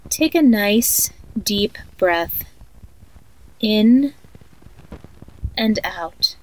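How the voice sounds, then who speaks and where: Woman acting a slow, eerie sleep story narrator. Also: medium pitch, lively intonation, low-quality recording. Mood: soothing, eerie. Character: eerie woman guiding a children's sleep meditation tape, soothing yet haunting. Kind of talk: guided sleep meditation in horror audio story.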